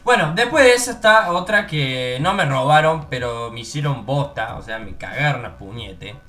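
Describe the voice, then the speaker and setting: A young man from Córdoba, Argentina, with a Córdoba accent, telling funny personal stories in a casual, animated way and acting out the voices of people he quotes. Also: mid-range voice, normal speed. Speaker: YouTuber. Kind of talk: casual storytelling.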